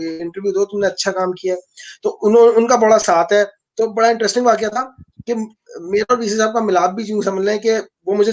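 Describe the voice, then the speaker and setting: Guy, professor, talks fast and rambles, kinda high voice, lots of restarts. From Pakistan. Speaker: engineering professor and lab director. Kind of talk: live online interview.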